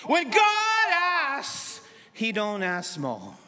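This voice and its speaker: A middle-aged man preaching a sermon from a church pulpit, acting out dialogue with dramatic swings between loud and soft. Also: very high voice, very slow. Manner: dramatic, voices God and Moses in lively asides. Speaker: pastor. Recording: long church reverb.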